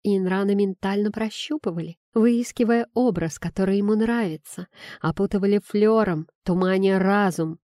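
Woman, audiobook narrator, first-person, expressive reading, mellow tone, dry close sound. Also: mid-range voice, moderate pace, few pauses, no echo.

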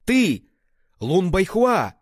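Enraged young swordsman, betrayed and grieving, yelling high and hard, read by a man with a husky voice. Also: sing-song, very slow, dry recording, clean studio sound, heavily acted. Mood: furious shouting. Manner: shouting, raging, accusing. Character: furious grief-stricken young male swordsman.

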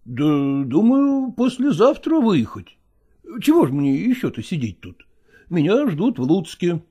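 Man doing a weary touring actor, husky high voice, lively swings, dark tone, coaxing, audiobook drama. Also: measured pace, heavily acted. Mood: persuading. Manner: coaxing, patronizing, sighing.

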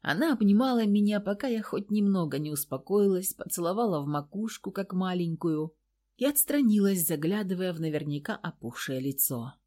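Woman narrating in a low voice. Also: expressive, a little fast, warm tone. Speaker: audiobook narrator. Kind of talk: first-person audiobook narration.

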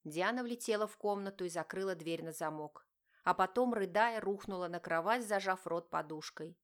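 A woman with a slightly low voice reads a romance novel aloud. Her storytelling is steady and expressive, as in scripted narration. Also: normal speed. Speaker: audiobook narrator.

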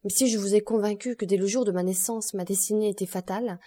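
A woman's voice: mid-range voice, steady tone, fast, warm tone, close to an everyday voice. A woman voicing a defiant young male criminal speaking bitterly before a court.

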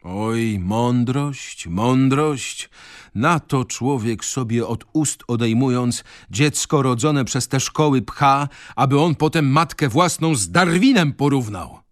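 A man's voice: mid-range voice, lively intonation, slow pace, no echo, clean studio sound. Man voicing a moaning self-pitying mother. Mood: plaintive. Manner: plaintive, moaning. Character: complaining middle-aged mother, self-pitying. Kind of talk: radio reading of a novel.

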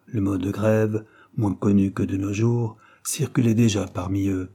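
Husky, dark-voiced male audiobook narrator. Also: on the low side, flat delivery. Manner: measured, addresses the reader. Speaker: audiobook reader.

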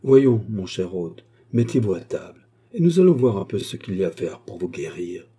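Hearty old aristocrat-hunter, boisterous and welcoming, for a storybook; a man reads him, somewhat low and dark, with a husky edge. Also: big pitch swings, normal speed, exaggerated voice. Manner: hearty and effusive. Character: jovial old male country nobleman and hunter.

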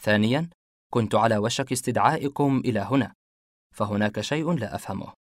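A man voicing a calm, confident male police officer in a spoken detective story, questioning witnesses in a measured way. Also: lowish voice, no room sound, clean studio sound, close to an everyday voice. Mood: probing.

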